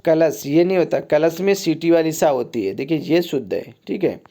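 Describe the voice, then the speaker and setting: Male tutor, mellow and slightly high voice, drills exam spelling with constant checks to the class. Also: moderate pace. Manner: repetitive teacher, keeps saying "ठीक है" and contrasting wrong and right forms. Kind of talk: exam-prep lesson on spelling.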